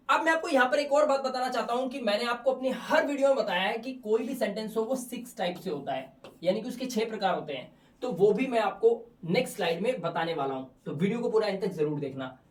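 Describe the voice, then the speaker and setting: A man teaching an English grammar lesson, explaining step by step with rhetorical questions and reading example sentences slowly. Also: high-pitched. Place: teaching room in front of slides. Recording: roomy echo, voice from far off.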